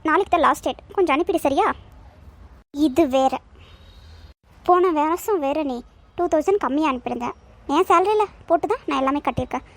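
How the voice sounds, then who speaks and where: Domineering cartoon husband, a woman voicing, scolding, high-pitched. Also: lively intonation, brisk, long pauses, dry recording. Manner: commanding, scolding.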